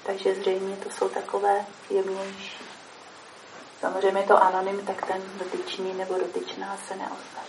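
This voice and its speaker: A woman explains things in a steady, measured way, pausing often as she searches for words. Her voice is gravelly and flat in tone. She sounds distant from the mic, in an echoey room with faint background noise. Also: mid-range voice. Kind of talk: calm explanatory talk.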